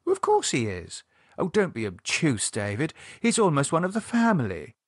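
A man's voice: on the high side, huge pitch swings, moderate pace, husky, no room sound, studio quality, voice pushed up, full character voice. A man voicing a young woman hosting a cult gathering, breezy and teasing. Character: young woman, cheerful sinister cult hostess.

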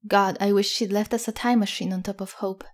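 A woman voicing a weary, worried middle-aged father who speaks quietly and heavily. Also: medium pitch, fairly even intonation, fairly quick, natural voice. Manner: quiet, heavy-hearted.

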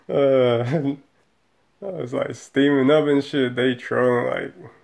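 A man's voice: mid-range voice, vocal fry. A man in his thirties giving a profane, rambling post-game rant as a football fan, filmed in a small room on a webcam. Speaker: sports fan vlogger.

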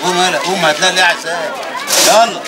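An actor as an easygoing young street vendor. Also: male voice, high voice, quick pace, natural voice. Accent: Egyptian Arabic. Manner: casual, placating. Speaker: actor in a film. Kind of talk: film drama acting. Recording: outdoor street scene, loud crowd and noise.

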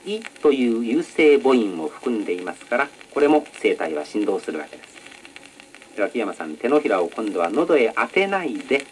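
Man giving a polite formal lecture, pitch moves around a lot, faint hiss from an old record. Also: very animated, moderate pace, poor audio. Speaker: announcing instructor. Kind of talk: instructional lecture on announcing.

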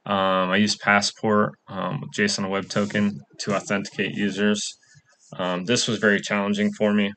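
Here a young adult coding student presents his web app over a screen recording in a plain, casual walkthrough full of "um"s. His pitch is fairly low and his tone fairly bright, and he speaks at a moderate pace with a completely flat delivery.

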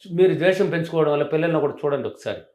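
A man working as a relationship coach, giving animated, emphatic advice and repeating his key points. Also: fairly high pitch, very fast. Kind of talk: advice talk. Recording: roomy echo.

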